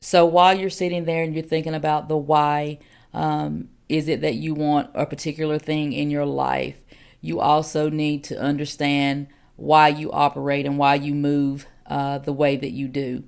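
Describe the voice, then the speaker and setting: Woman in her forties, church elder giving a podcast teaching; gravelly, earnest and direct, lots of "um"s. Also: sits low, little pitch movement, moderate pace, a little mellow. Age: 40s. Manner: earnest, direct, many "um"s and repeated questions.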